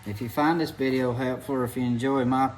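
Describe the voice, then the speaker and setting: A man's voice: mid-range voice, steady tone, a little fast, a little mellow, slight background noise, poor audio. A man with an Appalachian hillbilly accent talks in a folksy, rambling way, like a mechanic giving a casual hands-on video tutorial.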